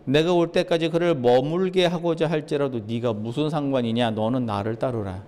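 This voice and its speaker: A male pastor preaching a sermon in an animated way, acting out Bible dialogue and putting questions to the congregation. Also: mid-range voice, normal speed.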